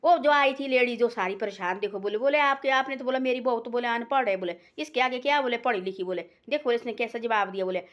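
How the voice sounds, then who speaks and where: A woman's voice: fairly high pitch, fast talker, few pauses. A woman telling a moral story in a homely, rambling way, constantly repeating filler words. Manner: homely, folksy and unpolished. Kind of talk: casual spoken moral story.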